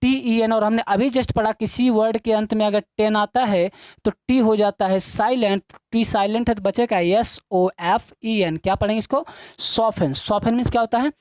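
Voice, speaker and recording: A woman's voice: mid-range voice, fairly even intonation, normal speed, a little mellow, no room sound. A woman teaching an English lesson, asking questions and answering them herself, repeating each point to her students. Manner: repetitive drilling, addressing students as children. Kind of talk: classroom-style video lesson.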